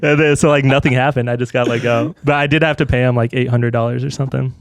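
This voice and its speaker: A man's voice: medium pitch, fairly even intonation, quick pace, no echo. A man in his thirties, a podcast co-host, telling a story in casual chat, swearing often and laughing as he goes. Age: 30s.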